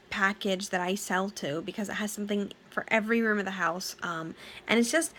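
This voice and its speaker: A woman's voice: medium pitch, fairly bright tone. A woman working as a direct sales consultant, giving a casual training talk to her team. She sounds tired and yawny late at night but stays chatty and eager, with lots of fillers and restarts.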